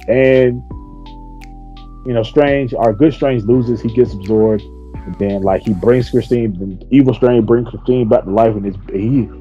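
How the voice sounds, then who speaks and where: A man hosting a podcast, casually retelling an episode with lively slang and swearing. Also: medium pitch. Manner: animated storytelling with slang and swearing. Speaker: podcast host. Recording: dull lo-fi podcast audio.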